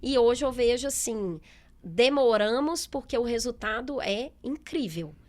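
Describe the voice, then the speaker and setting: A middle-aged businesswoman in a relaxed interview, talking candidly with many fillers and quoted asides. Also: on the high side, unhurried. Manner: chatty, candid, lots of fillers and quoted speech. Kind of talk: casual interview talk.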